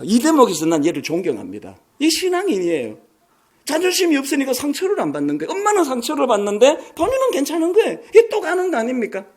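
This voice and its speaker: A male pastor in his sixties preaching a sermon in an animated, storytelling way with humorous asides. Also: extremely high pitch, fast. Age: 60s.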